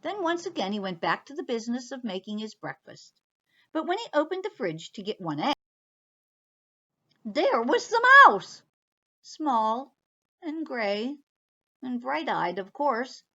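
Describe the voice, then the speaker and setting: A woman's voice: on the high side, very animated, normal speed, muffled recording. A woman librarian reading a picture book aloud expressively for children, stopping to talk to them directly.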